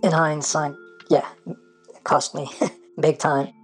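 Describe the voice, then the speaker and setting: A man whose voice has been electronically disguised and pitched down to hide his identity. He tells a personal story as an anonymous interviewee, hesitantly, with many ums and restarts. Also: level tone, takes it slowly, slightly rough, soft background music.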